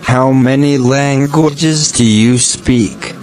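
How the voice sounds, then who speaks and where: A man's voice: mid-range voice, slow, a little mellow, slight background noise. A man asking simple scripted questions in a repeated language-practice dialogue.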